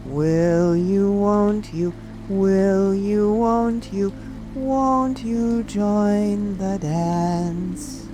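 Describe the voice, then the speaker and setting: A woman playing a melancholy, sentimental sea turtle creature in a dramatic audiobook, with a slow, mournful delivery. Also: medium pitch, fairly even intonation. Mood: slow, sad singsong. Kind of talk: full-cast dramatic audiobook reading. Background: soft rain ambience and music.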